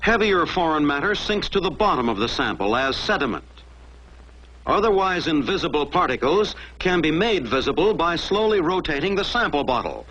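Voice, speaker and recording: An American man narrates a mid-century military training film from a script, delivering it in a dramatic, emphatic way. His voice is a little high, very animated and fairly bright, moving at a normal speed. The soundtrack has the dull, lo-fi quality of an old film.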